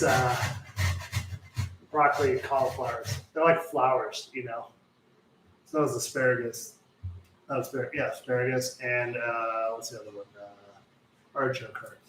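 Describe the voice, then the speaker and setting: A man's voice: mid-range voice, fairly even intonation, a little slow, long pauses, a bit bright, reverberant, recorded from a distance, slight background noise, poor audio. A man hosting a live home cooking show, chatting casually and rambling as he cooks, often correcting himself and joking. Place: home kitchen.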